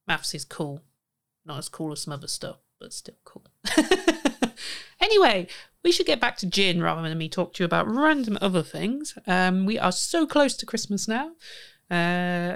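A woman's voice: medium pitch, gravelly. A woman in her twenties hosting a casual podcast, chatty and rambling, with giggles and self-corrections. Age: 20s. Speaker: podcast host. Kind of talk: casual chat.

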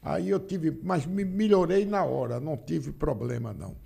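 A politician in his seventies, guesting on a studio podcast interview, tells anecdotes casually and acts out the dialogue in them, often repeating his phrases. His voice is fairly high yet gravelly, husky and dark, delivered at a normal speed.

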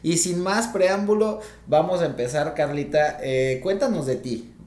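A podcast host welcoming and introducing a guest in relaxed, slangy Spanish. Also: medium pitch, unhurried, roomy sound. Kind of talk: casual interview chat.

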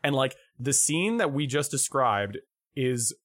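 A man co-hosting a casual podcast chat, animated, with lots of fillers, often acting out quotes in a high put-on voice. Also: a little slow. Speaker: podcast co-host.

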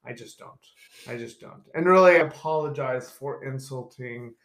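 A man co-hosting a relaxed movie podcast, reading background facts from notes and breaking into laughter now and then. His voice sits at an ordinary middle pitch. The room around him gives a noticeable echo. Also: normal speed. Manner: laughs often, reads trivia notes. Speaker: podcast co-host. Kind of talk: casual chat.

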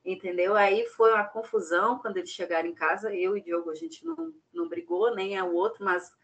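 A woman in casual chat, telling a travel story with animated delivery and acting out what others said. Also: mid-range voice, fairly quick.

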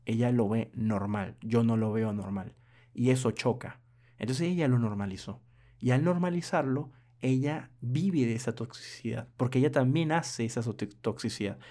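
A man's voice: mid-range voice, normal speed, dark tone. A young man chatting casually to his viewers, telling a personal story in a rambling way with many hesitations and asides. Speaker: vlogger.

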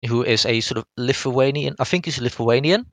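As a podcast co-host going over a game, a man rambles casually in a halting, hedging way, rephrasing as he goes. His voice is middling in pitch and a bit bright, in a dry, close recording with no room sound.

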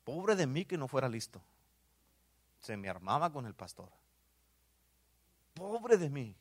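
A man with a Mexican Spanish accent preaching a sermon in church, dropping to hushed asides and rising to loud exclamations, often saying amen. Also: medium pitch, sing-song, unhurried. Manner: swings between hushed asides and loud exclamations, repeats "amén".

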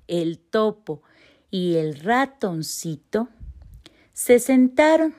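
Slow, sing-song woman reading a children's story. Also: on the low side, a little mellow. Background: faint piano music.

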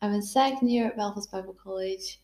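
A 20-year-old woman with a Northern Irish accent co-hosts a relaxed podcast, her voice at an ordinary pitch. She talks emphatically and playfully. The room adds a clear echo. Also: brisk. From Northern Ireland. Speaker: podcast co-host. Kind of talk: casual chat. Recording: roomy echo.

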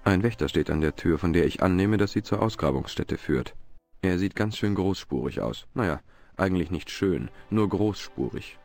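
A man's voice: low voice, animated, moderate pace, creaky, a little mellow, faint music behind. An actor voicing a polite, wry male adventurer in a video game, dry and ironic.

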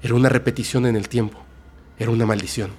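A man narrating a horror story in a slow, hushed, dramatic way as the show's storyteller. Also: medium pitch, fairly even intonation, slight background noise. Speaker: storyteller host.

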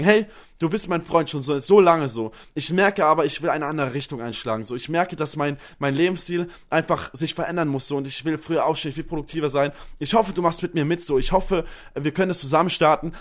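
Young guy pumping up his listeners, slangy and pushy, goes loud then quiet, slightly high voice. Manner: emphatic, repetitive, pleading, with swings from loud to quiet; casual slangy German mixed with English catchphrases. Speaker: motivational podcast host. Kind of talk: motivational monologue addressing viewers.

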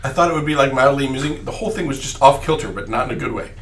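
A man's voice: medium pitch, expressive, very fast, a crowd in the background. A man running a tabletop game as game master, chatting casually and laughing easily. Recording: roomy, distant mic.

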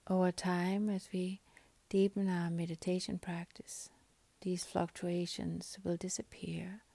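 A woman guiding a meditation in a soft, breathy, half-whispered, calming voice, speaking in short phrases with long pauses. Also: on the low side, dry recording. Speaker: meditation guide. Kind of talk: guided meditation.

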